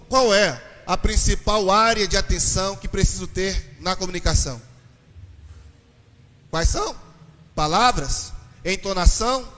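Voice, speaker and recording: High-voiced Brazilian pastor in a reverberant hall. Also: male voice. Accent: Brazilian Portuguese. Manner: animated, addresses the audience with questions. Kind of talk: lively church talk on marriage. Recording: reverberant hall, distant mic.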